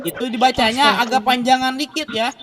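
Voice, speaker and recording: A man's voice: very high voice, fairly even intonation, a little fast, over a noisy crowd. A man teaching an online class on Quran recitation, explaining patiently and drawing out the recited examples over a video call. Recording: loud hiss and clicks on a video call.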